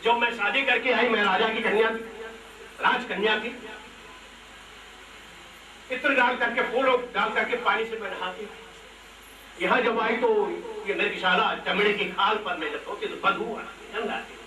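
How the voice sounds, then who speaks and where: A man's voice: sits high, measured pace, pauses often, sharp tone, heavily acted. A man voicing the goddess Parvati as a plaintive wife who keeps repeating her lament, in devotional storytelling. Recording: echoey hall, distant mic, noisy.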